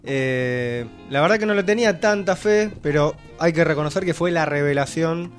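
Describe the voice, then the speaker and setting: A man's voice: fairly high pitch, normal speed, soft background music. A man hosting a radio show, chatting casually and teasing his co-host with wry remarks. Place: radio studio.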